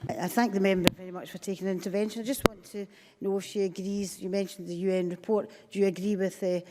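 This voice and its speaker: A woman's voice: mid-range voice, steady tone, fast, very noisy. A woman member of parliament making an intervention, pressing her questions. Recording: long reverb, speaking from off mic.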